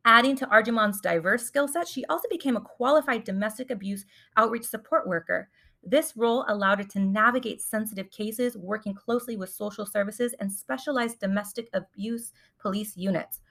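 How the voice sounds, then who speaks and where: A woman's voice: a little high, a bit bright. A woman hosts a podcast in an upbeat, enthusiastic way. She reads a polished guest introduction and then eases into friendly questions. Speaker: podcast host. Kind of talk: scripted intro then casual interview.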